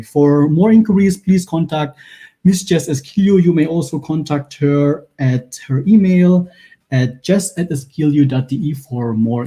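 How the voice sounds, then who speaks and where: A man's voice: fairly high pitch, dark tone. A man from the Philippines hosting a casual livestream talk show, hesitant and full of fillers. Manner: hesitant, fills with uh. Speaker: podcast host.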